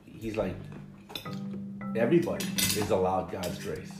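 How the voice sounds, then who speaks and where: A woman's voice: very deep voice, measured pace. A sick, coughing middle-aged mother chatting casually with her family at home and reading the daily scripture aloud with jokes and explanations. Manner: chatty, jokey, explains as she reads. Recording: roomy home recording with music behind.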